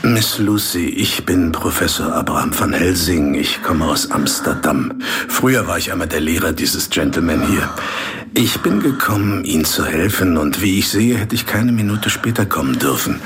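An actor playing Professor van Helsing, a learned, grave and courtly old Dutch scholar, in a radio play. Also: male voice, low-pitched, lively intonation, normal speed, noisy background. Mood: reassuring.

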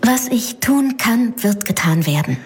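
A woman's voice: a little high, animated, unhurried, a little mellow, breathy edge, exaggerated voice. An actress playing a kind, dutiful young woman in a radio drama, speaking politely and hesitantly. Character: timid, dutiful, kind young female cousin. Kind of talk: German radio drama acting.

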